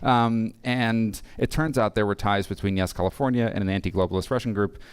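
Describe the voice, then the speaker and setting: A man's voice: fairly low pitch, fairly even intonation, brisk, clear, resonant tone. A man giving a casual, joking conference talk, full of fillers and restarts. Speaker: conference speaker. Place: conference hall.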